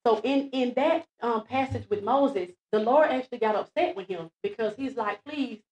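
A woman preaching in a church before the pastor, retelling Bible stories in a lively, repeating way and acting out the quotes. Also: fairly high pitch, normal speed. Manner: lively, repeats phrases, acts out quotes, laughs at herself. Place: church sanctuary. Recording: echoey church room.

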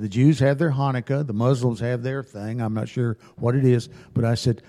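A man's voice: mid-range voice, mellow. A man, a church class member, telling a story in an earnest, rambling way. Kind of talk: casual storytelling. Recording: reverberant church hall.

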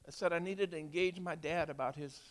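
A man in his sixties, a preacher, telling a heartfelt story in a sermon, swinging from hushed to loud. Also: on the high side, fairly quick. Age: 60s. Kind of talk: emotional sermon testimony.

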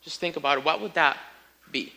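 A man preaching a sermon, telling a story with lively emphasis and speaking to his listeners as friends. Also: on the high side, brisk, vocal fry. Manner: animated storytelling, rising to near-shouts in acted quotes.

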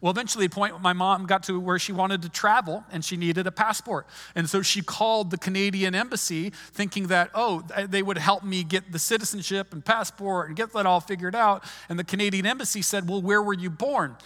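A pastor with a high-sitting, bright, forceful voice preaches a sermon briskly, with few pauses and fairly even intonation. His conversational delivery often restarts sentences, and the large hall adds long reverb.

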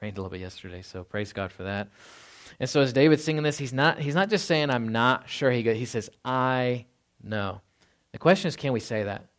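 A man's voice: medium pitch, expressive, a little fast, a bit bright. A man preaching a conversational sermon, often checking in with his listeners by asking "right?". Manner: conversational, often asking "right?" and voicing Bible figures in quotes. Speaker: pastor.

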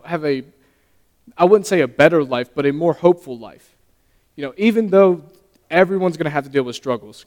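A young man giving his first sermon as a lay preacher, earnest and halting, often stumbling and restarting his sentences. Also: mid-range voice, a little mellow. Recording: long reverb of a hall.

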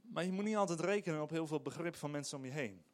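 A middle-aged man, a pastor, preaching a sermon in an animated, emphatic way with frequent hesitations. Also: fairly high pitch, quick pace.

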